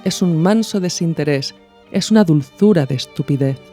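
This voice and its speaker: Over soft background music, a woman with a Peninsular Spanish accent hosts a podcast of reflective, informal commentary and a literary reading. She speaks at a moderate pace in a low, warm voice.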